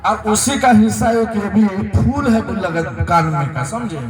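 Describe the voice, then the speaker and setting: A man with a Bhojpuri accent announcing donations at a religious gathering, lively and breaking into loud sung verses. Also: high voice, unhurried, roomy sound. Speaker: madrasa event fundraiser announcer. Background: crowd.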